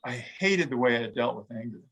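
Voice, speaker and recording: Halting, reflective middle-aged man. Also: medium pitch, expressive, a bit bright, rough recording. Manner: halting, thoughtful, many restarts and fillers. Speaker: interview guest. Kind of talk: reflective conversation.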